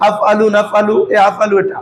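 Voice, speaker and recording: A man's voice: high voice, monotone, moderate pace, low-quality recording. A man teaching Arabic grammar to a class, often quizzing his students and calling them "baba". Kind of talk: classroom lesson.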